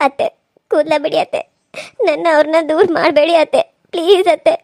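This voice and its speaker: A gentle cartoon daughter-in-law, voiced by a woman, pleads in a very high, thin voice. She talks quickly and tearfully. The sound is dry and close. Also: steady tone, no room sound. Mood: pleading. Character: meek, loving young wife from a poor family. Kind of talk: cartoon serial voice acting.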